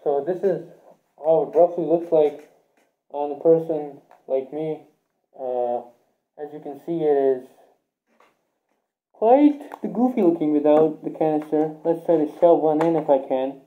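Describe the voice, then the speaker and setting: A man's voice: a little high, measured pace, pauses often, roomy sound, narrow, tinny audio. A young man casually reviewing gear, talking offhand and rambling while wearing a gas mask that muffles his voice. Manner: rambling, offhand, lots of fillers. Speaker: product reviewer. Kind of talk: casual product review vlog.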